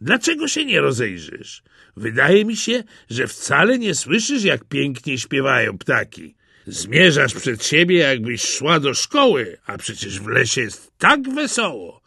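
A man's voice: mid-range voice, wildly swooping pitch, measured pace, gravelly, pushed and bright, husky, dry recording, studio quality, exaggerated voice. A man voicing a sly, hungry male wolf who talks in a coaxing, cunning way.

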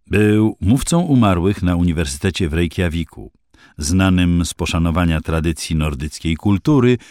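A man reading an audiobook with steady, scripted narration. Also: low voice, dry recording, clean studio sound.

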